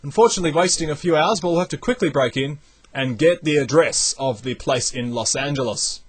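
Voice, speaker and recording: A young man, not from the United States, commentating a video game as he plays, thinking out loud with lots of energy. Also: a little high, brisk, husky. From outside the United States. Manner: animated, thinks aloud while playing. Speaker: let's play commentator. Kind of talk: gameplay commentary.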